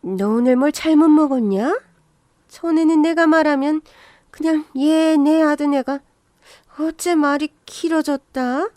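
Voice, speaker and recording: A woman's voice: high-pitched, unhurried, warm tone, dry recording, clean studio sound. Woman voicing a harsh, nagging old mother-in-law. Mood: scolding. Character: bossy scolding older mother-in-law.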